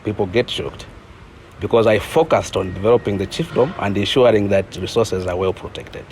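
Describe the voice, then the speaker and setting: A man's voice: on the low side, normal speed, a little mellow, a little hiss or hum. A young man from Zambia with a Zambian accent, a community resources board leader, telling his story in an interview with some hesitation. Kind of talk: interview recollection.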